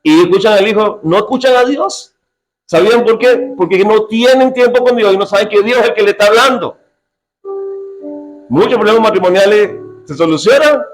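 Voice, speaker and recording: A man's voice: sits high, normal speed, faint music behind, low-quality recording. A man preaching a sermon to a church congregation, joking and often asking the listeners questions. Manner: lively, joking preacher who quizzes his congregation. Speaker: pastor.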